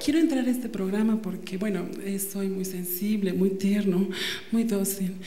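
A Mexican man in his twenties, from Mexico City, giving a comic audition, soft and giggly, holding a handheld mic in an indoor casting room. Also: sits high, fairly even intonation, normal speed. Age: 20s. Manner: soft, sweet and giggly, gushing about tenderness. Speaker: audition candidate.

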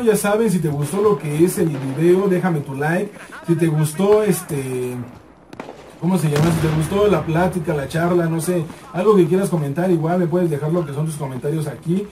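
Excitable high-voiced Mexican gamer. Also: male voice, distant mic, slight background noise. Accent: Mexican Spanish. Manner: excitable, swearing, repeats words in bursts. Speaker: gaming YouTuber. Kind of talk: casual gameplay commentary.

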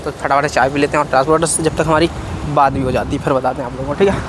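This trucker vlogger, a man in his 20s, speaks rapid-fire in a slightly high voice with fairly even intonation, chatting informally and calling viewers brother. Shot with a phone at arm's length in his parked cab and out by the road, the recording picks up clear traffic noise, passing vehicles and urban street ambience.

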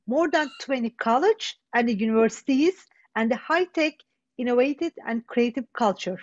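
High-voiced woman reading a script. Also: lo-fi sound. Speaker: presenter. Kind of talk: scripted read-out.

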